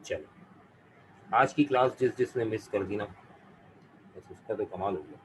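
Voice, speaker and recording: Guy teaching vocab online, says each word slow a few times, little bit of room noise. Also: fairly low pitch, rough recording. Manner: slow, careful pronunciation drills, repeating words. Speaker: English teacher. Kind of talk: live online vocabulary class.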